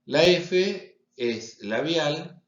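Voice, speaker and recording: Very slowly and in an animated, highish voice, a male university lecturer with a Rioplatense Spanish accent teaches phonetics. He builds his explanation step by step and keeps checking in with the class; the audio is echoey and a little dull.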